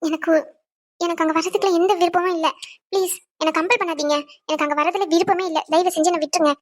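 A woman's voice: very high-pitched, fairly even intonation, quick pace, dry recording. A woman voicing a tearful, stubborn young wife in a cartoon drama, pleading and hurt.

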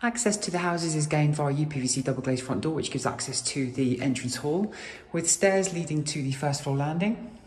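A man's voice: fairly high pitch, moderate pace. A British man gushing through a property tour as an estate agent, in polished sales patter, recorded walking around an empty house. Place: inside and outside an empty new-build house. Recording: echoey empty rooms.

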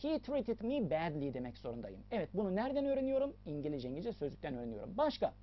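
A woman's voice: fairly low pitch, very animated, fast, muffled recording. A woman teaching a lesson, explaining step by step and repeating key points for emphasis. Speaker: English teacher.

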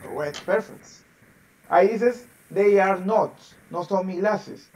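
A man's voice: high-pitched, takes it slowly, a little mellow, recorded from a distance, low-quality recording. A man teaching an online English class, patiently repeating words and phrases over and over for his pupils. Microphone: video call.

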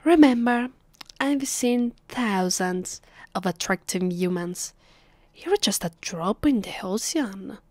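An Italian ASMR voice actress plays a haughty, possessive vampire mistress speaking to her captive, condescending and commanding in a slow, close, often whispered roleplay. Her medium-pitched voice has lively intonation. The close microphone gives a dry sound with no room tone.

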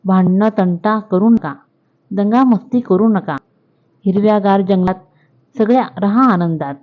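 A woman voicing a kindly old male mountain in a children's story, in a warm, fatherly manner. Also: mid-range voice, measured pace, natural voice. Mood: warning kindly. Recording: tinny phone-like audio.

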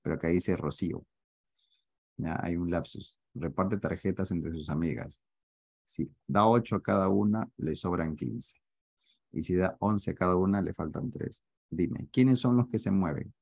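A man teaching math in an online class, joking with his students and asking often whether it is clear. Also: deep voice, moderate pace, darkish tone, no echo. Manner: joking, teasing, asks students to confirm often.

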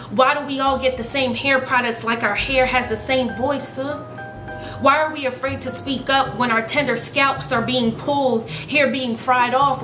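A woman's voice: high voice, echoey room. A woman in her thirties, a hair vlogger, performing sassy, rhythmic spoken word full of rhetorical questions, seated on a sofa in her living room and filmed head-on. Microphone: camera in front, head and shoulders framing.

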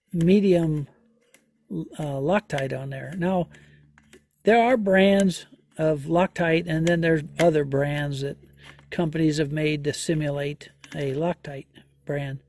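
A man doing a hands-on repair walkthrough outdoors, talking slowly and folksily with many fillers as he thinks aloud. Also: on the high side, creaky, darkish tone. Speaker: homesteader vlogger. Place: outdoors in a yard.

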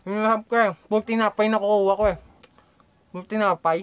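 A woman's voice: mid-range voice, fairly even intonation, fast talker, smooth, no echo. A woman with a Filipino accent, talking with her mouth full and chewing as she reviews food casually for viewers, chatting to them as "guys" in a hot room with electric fans. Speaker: mukbang vlogger.

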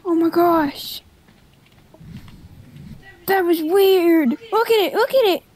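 A woman co-hosting a casual gaming video, excitable and giggly, with squeals and laughs as she plays. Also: extremely high pitch, slow pace. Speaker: gaming channel co-host.

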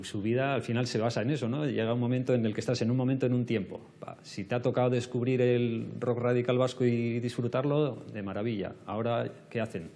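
A man's voice: medium pitch, dark tone. A man in a casual interview who talks in a blunt, wry way and swears casually.

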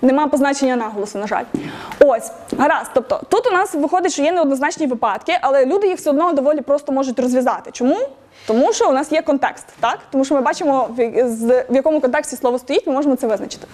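Woman, meetup lecturer, high voice, fast talker, quizzes audience, laughs often. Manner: laughs often, lively and encouraging. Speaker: speaker at a tech meetup.

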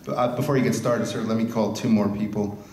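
A man's voice: fairly low pitch, steady tone, brisk, background noise. A man chairing a public hearing, making brief polite procedural remarks. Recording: echoey hall.

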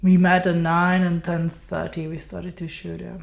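Guest, man in his 20s, English; gravelly and hesitant delivery. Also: high-pitched, monotone, moderate pace. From Slovakia and Czech Republic. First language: Czech and Slovak. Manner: hesitant, restarts mid-sentence, trails off. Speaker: guest filmmaker. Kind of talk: casual interview chat.

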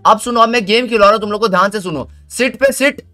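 High, fast, excitable young gaming host. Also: male voice. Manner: loud, fast, repeats words, bossy commands. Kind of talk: excited gameplay commentary with a friend.

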